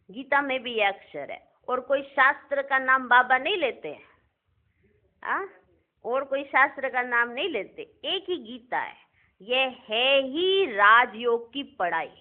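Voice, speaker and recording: A woman giving a devotional sermon, asking her listeners rhetorical questions and repeating key phrases. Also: sits high. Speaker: spiritual discourse reader. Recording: narrow phone-like audio.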